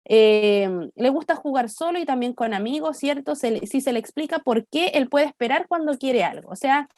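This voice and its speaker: A young woman leads a church workshop for parents, her voice pitched a little high. She talks in an easy, conversational way and keeps checking in with her audience. The sound is dry and close, with no room around it. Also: normal speed, a little mellow, no room sound. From Chile. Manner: conversational, asks "¿cierto?" often. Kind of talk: church talk on child development.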